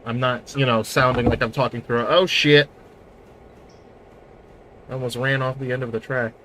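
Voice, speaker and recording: Man, streamer, bright voice, jokey, self-mocking, casual gameplay chat, faint ambience. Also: medium pitch, level tone, normal speed, slight background noise, low-quality recording.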